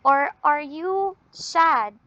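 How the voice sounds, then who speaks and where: A woman teacher with a Filipino accent giving an English lesson, drawn out and deliberate, often ending points with a questioning "no?". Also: high-pitched, pushed and bright, no echo. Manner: ends points with tag "no?". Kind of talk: classroom lesson. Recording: dull lo-fi audio.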